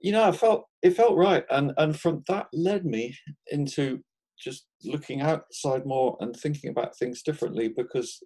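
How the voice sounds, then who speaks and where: Relaxed, mellow-voiced older Englishman. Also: on the high side, normal speed. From England. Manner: thoughtful, chuckling often, frequent restarts. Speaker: guest market gardener. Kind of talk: relaxed conversational interview.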